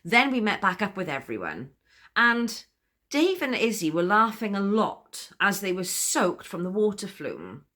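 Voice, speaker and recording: A woman's voice: mid-range voice, sing-song, measured pace, sharp tone. An actress playing a chatty, giggly woman who confides her story in a comic spoken monologue and laughs often between sentences. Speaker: monologue performer.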